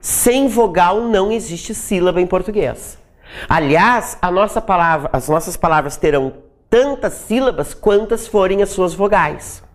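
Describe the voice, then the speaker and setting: A woman's voice: lowish voice, measured pace. A woman teacher giving an exam-prep lecture, explaining step by step, checking in with her class after almost every phrase and sounding out example sounds, with chatty asides. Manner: sounds out speech sounds to demonstrate; chatty asides with dry humor.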